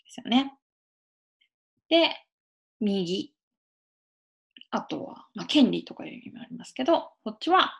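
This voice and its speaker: A woman giving a casual spoken lesson on English pronunciation, patiently demonstrating sounds with drawn-out vowels. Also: medium pitch, vocal fry. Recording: lo-fi dull sound.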